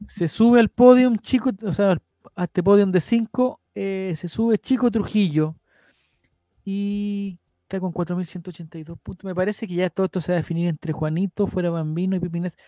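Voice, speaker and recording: A man's voice: sits high, steady tone, a little fast, dark tone, no echo. A Chilean man hosting a casual trivia game on a podcast, playful and theatrical. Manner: playful, theatrical quiz-master delivery. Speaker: trivia host.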